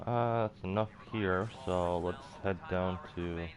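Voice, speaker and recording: A man's voice: sits low, steady tone, unhurried, a little hiss or hum. A man losing his voice, giving rambling, half-muttered commentary on a game he is playing. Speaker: game streamer. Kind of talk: casual gameplay commentary.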